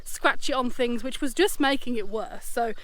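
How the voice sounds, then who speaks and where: A woman's voice: a little high, normal speed, a bit bright. A woman hosting a vlog, giving casual, chatty updates to camera. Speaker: vlog host.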